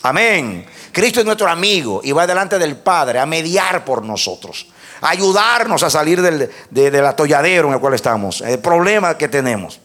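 A man preaching a sermon, moving between quiet teaching and loud fervent exclamations, often saying "amén" and restarting his sentences. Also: on the high side, big pitch swings, moderate pace. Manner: frequent "amén" and hesitant restarts.

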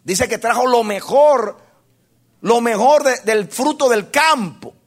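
A man preaching a sermon to a congregation, impassioned, asking them questions and repeating phrases for emphasis, swinging from hushed to loud. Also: very high-pitched, slow. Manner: addresses the congregation directly with questions.

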